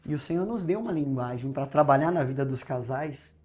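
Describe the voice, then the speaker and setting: In an interview, a pastor with a Brazilian Portuguese accent recounts his own testimony at a brisk clip. His medium-pitched voice is animated as he performs the dialogue, moving from loud to hushed and back.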